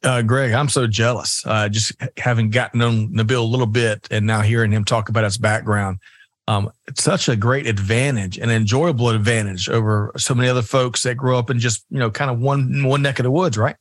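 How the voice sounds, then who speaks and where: A man's voice: medium pitch, steady tone, brisk, no room sound. Upbeat male podcast host, dry sound. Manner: upbeat, chatty host banter. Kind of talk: casual interview chat.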